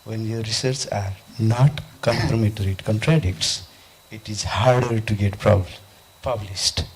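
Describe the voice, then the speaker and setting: A man from Nepal in an audience, asking a panel a question at a conference, halting and repeating himself. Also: on the low side, steady tone, breathy edge. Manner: halting, repeats his question, frequent restarts. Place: conference hall.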